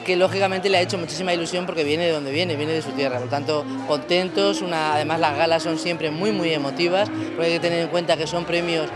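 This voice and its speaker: A woman's voice: low voice, steady tone, fast, hardly any pauses, over loud music, over a noisy crowd. A woman in her fifties answering an interview at an awards event, fluent and explanatory. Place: event hall with stage backdrop.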